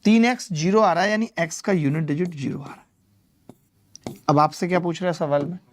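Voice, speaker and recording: A man's voice: a little high, brisk. Male maths tutor for a live class. Chatty, teases students by name, explains step by step. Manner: explains step by step, repeats key numbers. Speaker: maths teacher.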